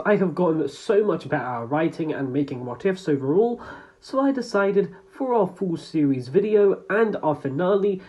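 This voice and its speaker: A man with a somewhat high voice narrates a fan story in a loose, upbeat manner. He talks like a channel host chatting to his viewers, casual and unscripted in feel. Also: darkish tone, low-quality recording. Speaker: YouTube creator.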